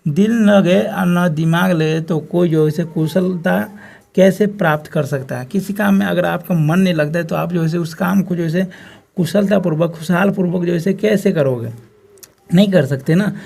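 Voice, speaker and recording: High, gravelly Bihari Hindi teacher. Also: male voice, a little mellow. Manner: repetitive filler phrase, addresses students as friends. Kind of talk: exam-prep lecture.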